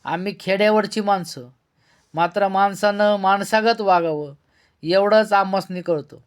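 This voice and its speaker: A grave, reproachful village mother from a storybook, read by a male narrator. She speaks in a fairly high voice kept close to the reader's own, with a steady, weighty tone. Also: unhurried, clear, resonant tone. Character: stern older village mother, woman.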